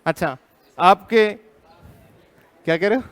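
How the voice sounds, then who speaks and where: A man's voice: high-pitched, lively intonation, slow, a bit bright. An Indian man teaching a live class, drilling students with repeated questions, firm and teasing.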